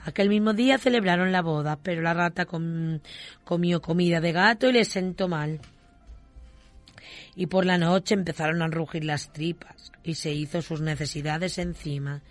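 Gentle storyteller reading a folk tale. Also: mid-range voice, moderate pace, soft background music.

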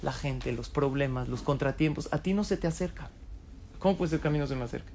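A man's voice: mid-range voice, fast talker, darkish tone, slight background noise. A man giving a Torah lecture, throwing rhetorical questions at his audience and answering them himself. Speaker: rabbi lecturer.

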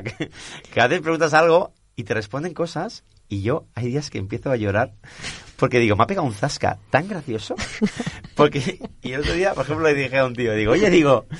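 Animated, laughing man. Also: medium pitch, no room sound. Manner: animated storyteller, laughs often. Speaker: stand-up comedian and guest. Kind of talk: casual interview chat.

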